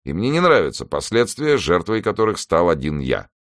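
A flustered, exasperated man, as a narrator voices him, pitched above the reader's deep voice. He speaks in emphatic bursts with a lively swing. The sound is dry and close. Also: a little fast, no echo, heavily acted. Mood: weary.

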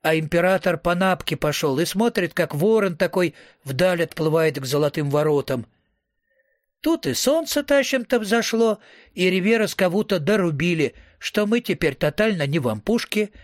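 A man's voice: high-pitched, lively intonation, normal speed, no echo, studio quality. A man reading a story aloud in first person, in a slangy, wisecracking, profane voice. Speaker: audiobook reader.

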